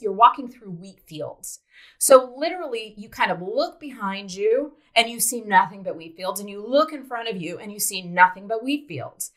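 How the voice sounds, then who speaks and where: Speaking with a medium pitch and a somewhat bright tone, a middle-aged South Dakota woman earnestly reflects on a personal story. She hesitates often, leaning on fillers as she goes.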